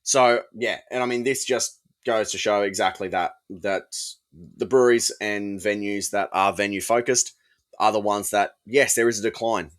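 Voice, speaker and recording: An Australian man co-hosting a casual beer podcast, talking in a measured way with many "um" fillers. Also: fairly low pitch, steady tone. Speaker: podcast co-host.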